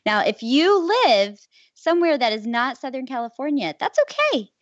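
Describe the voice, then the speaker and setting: A woman hosting a podcast, making casual announcements in an excited, emphatic way. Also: sits high, moderate pace, no room sound. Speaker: podcast host. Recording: dull, slightly lo-fi close recording.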